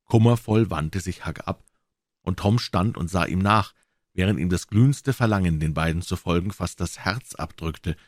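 A man narrating a classic novel with expressive storytelling. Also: low voice, moderate pace, no echo, clean studio sound. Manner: expressive storytelling, voicing the characters. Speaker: audiobook narrator.

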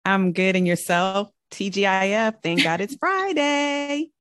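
A woman's voice: medium pitch, lively intonation, measured pace, fairly bright tone, smooth, no room sound. A woman from Virginia, a podcast guest, telling her story in an upbeat, chatty way. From Virginia, United States. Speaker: podcast guest, real estate investor. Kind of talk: casual interview talk.

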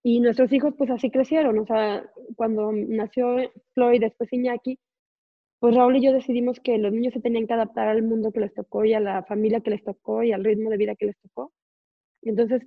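A Mexican woman in her forties talks through her story as an interview guest, circling back with fillers and little asides. Her voice sits a bit high. It comes over a video call that sounds dull and lo-fi. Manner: chatty, many fillers and asides, laughs while telling stories. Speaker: guest entrepreneur.

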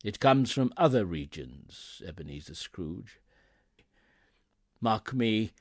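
A chained ghost who speaks in slow, solemn, booming tones of doom, acted by a man reading a storybook. The voice is dry and close, with rising swells of force. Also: a little mellow, no echo. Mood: grave. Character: doomed, mournful male ghost in chains.

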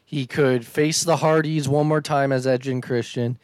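A man's voice: mid-range voice, fairly even intonation, moderate pace, no echo. A man hosting a podcast, chatting casually and rambling through a news recap. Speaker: podcast host. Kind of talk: casual chat.

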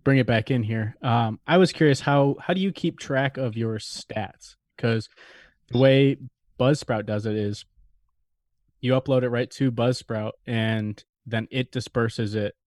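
A man's voice: medium pitch, a little slow, a little mellow, dry recording, clean studio sound. A man co-hosting a podcast, telling stories in a chatty way and acting out quotes. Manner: upbeat storyteller, acts out quotes. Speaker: podcast co-host. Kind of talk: casual podcast chat.

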